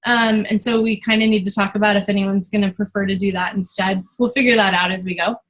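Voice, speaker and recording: A woman's voice: medium pitch, fairly even intonation, fast, a bit bright, rough recording. A woman running a casual team meeting as coach, chatty and loose, with lots of fillers and restarts.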